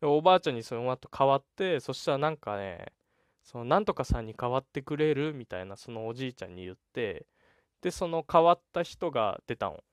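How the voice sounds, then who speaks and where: Young male solo podcaster, casual and animated storyteller, dry studio-close mic. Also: medium pitch, brisk, smooth, no echo. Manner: chatty, animated retelling with laughs and voiced quotes. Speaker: podcast host.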